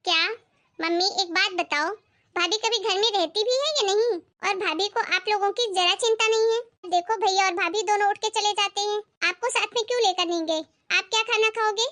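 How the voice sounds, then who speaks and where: A woman voicing a jealous grown daughter in an animated family skit, talking in a sharp, complaining way. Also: very high voice, normal speed. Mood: accusing.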